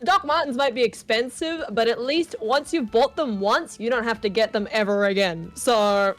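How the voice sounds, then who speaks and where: Chatty woman streamer, slightly high voice. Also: normal speed, a bit bright, soft background music. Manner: chatty, upbeat, laughs often. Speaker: livestream host. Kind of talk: casual chat while drawing.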